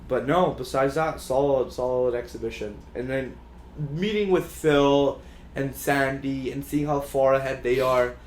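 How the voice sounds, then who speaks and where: A man's voice: mid-range voice, a little slow, darkish tone, slight background noise. A man co-hosting a podcast, chatting casually in a rambling way with lots of fillers and restarts. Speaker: podcast co-host. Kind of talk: casual chat. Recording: echoey room.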